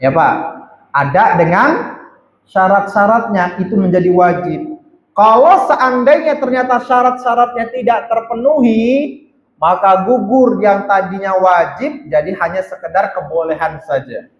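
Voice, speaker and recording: A man's voice: high-pitched, measured pace, lo-fi sound. A male religious teacher giving a conversational mosque lecture, often checking with his listeners. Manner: conversational, keeps checking with the audience. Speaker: ustadz teaching a weekly study circle. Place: mosque hall. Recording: echoey mosque hall.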